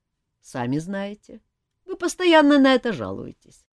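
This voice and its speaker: A woman's voice: medium pitch, measured pace, dry recording, clean studio sound, pitched above the performer's own voice. A woman reading as a cheeky male jester. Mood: teasing. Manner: animated, teasing, pleading. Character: young male court jester, lively and cheeky. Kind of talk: audiobook reading.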